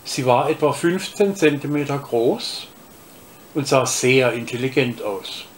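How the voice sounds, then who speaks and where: Slow, deliberate male storyteller. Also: mid-range voice, expressive, a little hiss or hum. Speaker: reader of a story. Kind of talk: storybook reading aloud.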